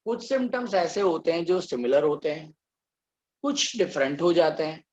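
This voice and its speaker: A man teaching a biology lecture, reading slide lines out slowly and then explaining them step by step. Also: on the high side, lively intonation, a little mellow, muffled recording.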